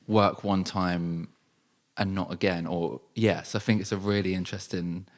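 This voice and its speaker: A man's voice: deep voice, steady tone, moderate pace. A man hosting a podcast, talking things through in a thoughtful, reflective way. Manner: thoughtful, searching, reflective phrasing. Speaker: podcast host, poet. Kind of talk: casual conversational interview.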